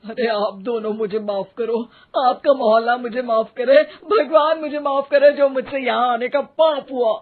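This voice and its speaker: A woman voicing a flustered middle-aged male politician in an animated cartoon, indignant and pleading. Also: on the high side, moderate pace, hardly any pauses, phone-quality sound, close to an everyday voice.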